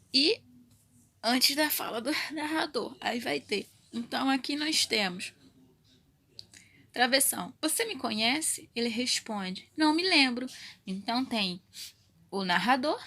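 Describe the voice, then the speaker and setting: A woman's voice: sits high, gravelly, sharp tone. A woman teacher giving a recorded grammar lesson to young children, explaining step by step and checking in often with her pupils. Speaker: primary school teacher.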